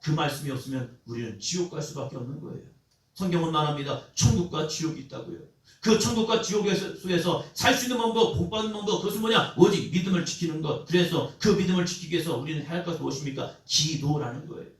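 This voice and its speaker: A young male pastor preaching a Sunday sermon with call-and-response, building up to shouted cries. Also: a little high, fast. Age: young adult. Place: church sanctuary. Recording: echoey church hall, mic at a distance.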